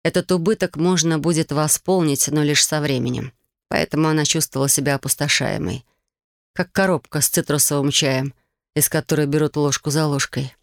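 On a close studio mic with no room sound, an audiobook reader narrates a fantasy novel in a measured, even storytelling manner. The voice is medium-pitched with vocal fry.

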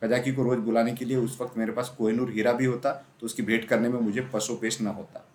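A man narrating a classic children's story aloud in a steady storytelling manner. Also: medium pitch, a little fast, slight background noise. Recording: roomy echo.

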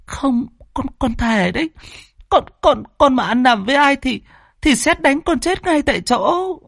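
A man's voice: very high voice, expressive, measured pace, vocal fry, fairly bright tone, dry recording, studio quality, voice pushed up, full character voice. A man doing a stammering scared teen girl. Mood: pleading. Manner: stammering, pleading. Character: frightened pregnant teenage girl, stammering.

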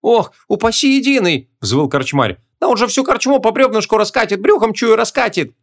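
A man's voice: sits high, very animated, moderate pace, fairly bright tone, voice pushed up, full character voice. A man voicing a fearful, grumbling rustic innkeeper in his sixties, with folksy speech and a fretful whine. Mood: fearful pleading. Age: 60s.

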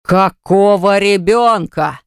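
A reader voicing a callous small-company boss who defends himself in slow, indignant tones. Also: male voice, a little high, fairly even intonation, clear, resonant tone, dry recording, clean studio sound, lightly acted. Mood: defensive. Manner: slow, indignant, self-justifying.

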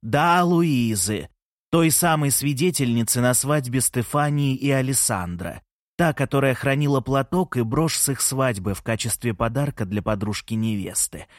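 Man doing a theatrical old granny, doting, bossy, slightly raised pitch, dry close sound. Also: expressive, normal speed, no room sound, natural voice. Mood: chatty. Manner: gushing, teasing, fussy. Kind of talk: audiobook character reading.

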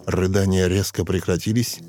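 A man narrating a dramatic audiobook in a measured, expressive way. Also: low-pitched. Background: soft music.

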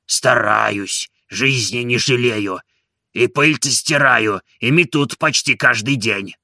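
An old manservant grumbles low and slow, his gravelly, husky voice sour with grievance, as a male reader puts him on. He sounds sulky and put-upon, dragging each complaint out. His tone stays bright and edgy despite the rasp. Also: dry recording, clean studio sound, exaggerated voice. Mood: aggrieved.

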